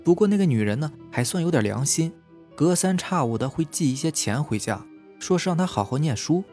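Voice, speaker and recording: A man calmly narrating a first-person horror story as a podcast storyteller, with a husky voice. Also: fairly high pitch, brisk. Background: faint eerie background music.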